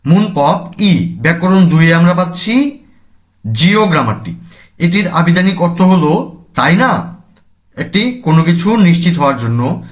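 A man with a slightly higher voice teaches a language lesson. He walks through each grammar point, asking questions and then answering them himself. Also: big pitch swings, moderate pace, pauses often. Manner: explanatory, asks and answers his own questions. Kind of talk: classroom lesson explaining grammar.

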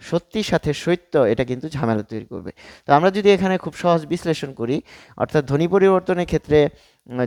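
A male teacher giving a Bengali grammar lesson, explaining step by step with frequent pauses and fillers. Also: on the high side, a little mellow, no echo.

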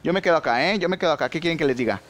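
A young man with a Mexican accent giving excitable, slangy live commentary on his own gameplay and shouting at big plays. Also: on the high side, rapid-fire. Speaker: gaming YouTuber.

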